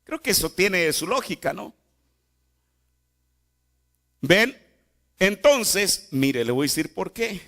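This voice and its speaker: A man's voice: sits high, very animated, takes it slowly, long pauses, pushed and bright. A man preaching a sermon in a church, repeating phrases and asking the congregation rhetorical questions. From Mexico. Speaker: pastor.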